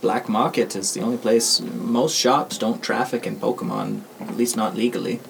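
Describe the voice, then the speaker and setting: A man's voice: medium pitch, steady tone, moderate pace, vocal fry. A man narrating a tabletop game as its game master, giving easygoing rulings. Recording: noisy recording.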